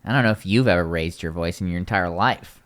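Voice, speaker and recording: A man hosting a casual podcast, rambling with quick asides and restarts. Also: low voice. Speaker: podcast host.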